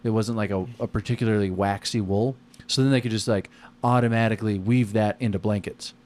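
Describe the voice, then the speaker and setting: American guy w a lowish voice just rambling, slangy, swears a lot. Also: steady tone, fairly quick, a little mellow. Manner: profane, slangy. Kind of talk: casual rambling chat.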